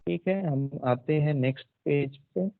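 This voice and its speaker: A male teacher giving an online grammar class, repeating and drilling terms and asking quick questions. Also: on the high side, creaky, no room sound. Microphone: computer mic, online class. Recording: dry, dull lo-fi online audio.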